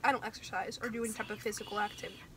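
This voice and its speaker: A woman's voice: mid-range voice, steady tone, very fast, fairly bright tone, a little hiss or hum. A young woman co-hosting a casual vlog, telling stories in a chatty way. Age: young adult. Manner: chatty storyteller, breaks into laughter. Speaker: co-host. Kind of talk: casual chat.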